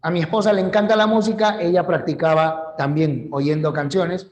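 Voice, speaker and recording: A man's voice: fairly high pitch, fairly even intonation, moderate pace, a little mellow, highs cut off. A middle-aged man, teaching a language class in a chatty way, asking questions and answering them himself. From Peru. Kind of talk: online class lecture.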